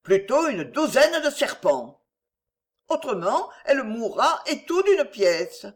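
A woman's voice: fairly high pitch, very animated, slow, voice pushed up. A woman voicing a bold, impudent old beggar woman who pleads and answers back. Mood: cheeky.

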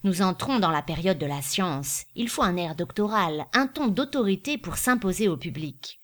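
A woman's voice: lowish voice, expressive, normal speed, lightly acted. Brief: woman reading as a wry, modest young newspaperman. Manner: modest, dry. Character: modest young male journalist, dry and wry.

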